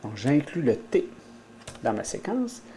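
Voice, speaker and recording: Québécois man, mellow voice, methodical tutorial delivery, light background hiss. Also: mid-range voice, big pitch swings, a little slow. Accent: Québécois French. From Quebec. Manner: methodical, thinking aloud. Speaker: instructor. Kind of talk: step-by-step tutorial.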